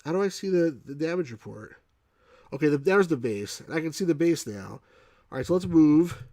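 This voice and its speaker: A man's voice: fairly high pitch, lively intonation, moderate pace, warm tone, no echo, studio quality. A man from New York with a mild New York accent, casually commenting on a game as he plays, thinking aloud and answering chat. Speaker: game reviewer streaming. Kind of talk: casual live gameplay commentary.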